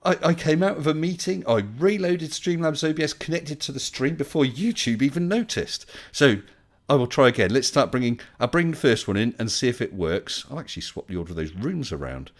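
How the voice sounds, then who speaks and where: A man's voice: mid-range voice, lively intonation, fairly quick, few pauses. A man hosting a casual live stream, chatting politely and welcoming people as they join.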